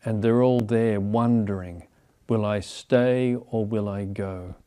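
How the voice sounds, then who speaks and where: An older man, a bishop, giving a homily at a chapel lectern in a reflective, measured way with pauses. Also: on the low side, fairly even intonation, mellow. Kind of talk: sermon. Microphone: gooseneck lectern microphone.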